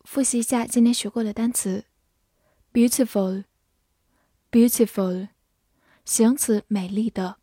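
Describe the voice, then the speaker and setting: A woman giving a scripted vocabulary lesson, spelling out letters and repeating each word slowly. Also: a little high, fairly even intonation, dark tone, slightly rough, no room sound, clean studio sound. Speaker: English teacher.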